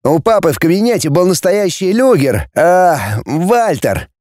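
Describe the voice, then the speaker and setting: A man reads a gangly teenage boy in a storybook, nervous and eager to help. His voice sits a little higher than the narration, fussy and hurried. The tone stays mellow and close. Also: sing-song, dry recording.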